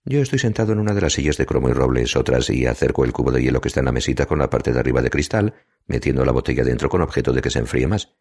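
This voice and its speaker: A man reading an audiobook in a calm, cold, deliberate manner. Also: very deep voice, husky. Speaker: audiobook narrator. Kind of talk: scripted narration.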